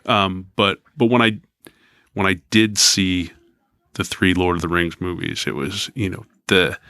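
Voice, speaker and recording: A man's voice: deep voice, steady tone, unhurried, pushed and bright, smooth, dry recording, clean studio sound. A man in his fifties co-hosting a podcast in casual chat, rambling and hesitant with frequent ums. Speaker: podcast co-host.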